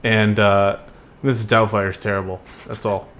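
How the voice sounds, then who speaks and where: A man's voice: lowish voice, little pitch movement, moderate pace, a bit bright. A young man co-hosting a podcast, chatting casually and ranting with heavy swearing and jokes. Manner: profane, joking rants. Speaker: podcast co-host. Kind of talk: casual chat.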